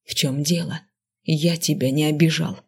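A woman voicing a calm, brooding adult male dark mage teacher in an audiobook, speaking quiet and reproachful. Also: deep voice, normal speed, husky. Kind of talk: audiobook character voice.

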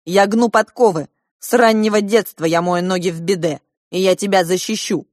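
A woman's voice: medium pitch, fairly even intonation, normal speed, no echo, studio quality, close to an everyday voice. A woman playing a bold, boastful boy.

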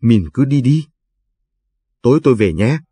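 A man's voice: mid-range voice, very animated, a little slow, mellow, slightly rough. A man voicing a modest, polite young guide.

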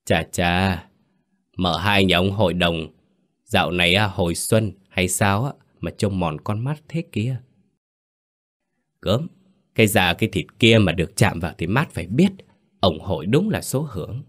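A man's voice: deep voice, animated, measured pace, fairly bright tone, exaggerated voice. A man voicing leering young village farmhands gossiping about a woman in a horror story.

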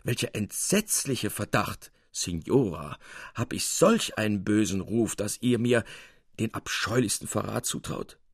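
A theatrical man protests a suspicion with injured dignity, as a male reader voices him. The husky voice is slow and deliberate, recorded dry and close. It reads like a storybook scene. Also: fairly low pitch, lively intonation, no echo, heavily acted. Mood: indignant. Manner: protesting, indignant. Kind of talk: reading aloud a literary tale.

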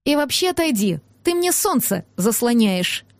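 Woman playing a defiant young heroine, high snappy voice, dry close recording, audiobook. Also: very animated, moderate pace, no room sound. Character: stubborn fiery young woman, tipsy and defiant.

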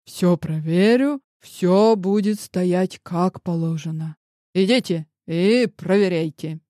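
A woman's voice: fairly low pitch, warm tone, no echo, clean studio sound. A woman voicing an anxious elderly male warehouse manager who draws out his alarmed exclamations. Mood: flustered. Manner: slow, drawn-out exclamations.

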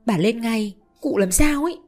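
A woman's voice: fairly high pitch, animated, normal speed, a little mellow, soft background music, pitched above the performer's own voice. A woman voicing a frightened young wife in a spoken story, calling out in panic and out of breath. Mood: breathless.

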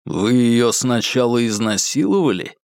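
A cold, quiet male enforcer, unhurried and flat, every word low and even, as a male reader gives him voice. The sound is close and dry. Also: no room sound, close to an everyday voice. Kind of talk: audiobook character voice.

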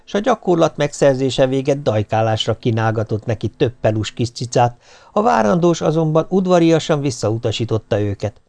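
A man narrating an audiobook in a steady, mid-pitched voice. His reading has a dry, wry irony and an unhurried, storyteller's pacing. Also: vocal fry. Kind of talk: scripted narration.

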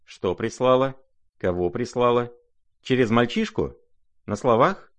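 A man voicing an irate, imperious older noblewoman who scolds in shrill, impatient outbursts. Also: very animated, unhurried. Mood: scolding.

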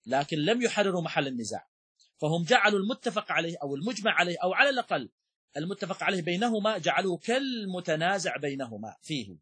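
A man delivering a religious lesson, his voice a touch higher than most men's and slightly husky. He explains point by point at a measured pace, repeating key phrases and pausing with fillers to gather his thoughts. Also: big pitch swings, bright, forceful tone. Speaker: sheikh teaching Shafi'i jurisprudence.

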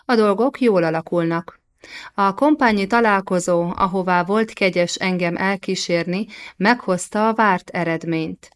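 A woman's voice: on the low side, lightly acted. Storybook figure: a testy medieval king, played by a female reader, defensive and barking orders. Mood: coaxing. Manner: irritable, defensive, commanding. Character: angry guilty young medieval French king.

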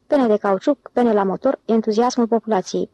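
Brief: a woman doing a bossy male swindler chief in an audiobook, commanding and quick to anger, mellow higher voice, dry sound. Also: poor audio. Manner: commanding, irritable. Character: scheming smooth-talking male con man leader.

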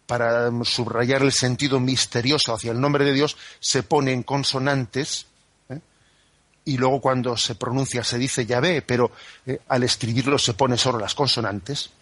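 A man from Spain, a priest explaining the catechism on a radio program, who talks in an unhurried, conversational way and keeps checking in with "¿eh?" and "¿no?". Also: mid-range voice, fairly bright tone, dry recording. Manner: unhurried and conversational, full of "¿eh?" and "¿no?" tags. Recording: dry studio radio broadcast.

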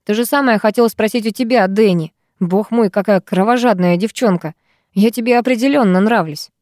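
A woman's voice: medium pitch, a little fast, darkish tone, no echo, clean studio sound, natural voice. A woman reading the part of a cocky, teasing teenage schoolboy in an audiobook, with a smug, mocking manner. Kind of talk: audiobook character voice.

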